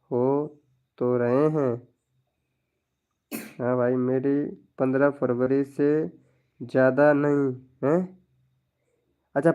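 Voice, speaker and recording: A man chatting casually with viewers on a live stream, slowly reading out their names and IDs. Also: mid-range voice, a little mellow, smooth.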